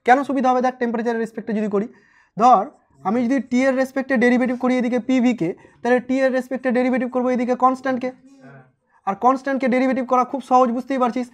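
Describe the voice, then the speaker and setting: A man's voice: extremely high pitch, little pitch movement, very fast. A man teaching a physics lesson at a board, chatty and teasing, quizzing his students and answering for them. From West Bengal, India. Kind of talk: informal whiteboard lesson.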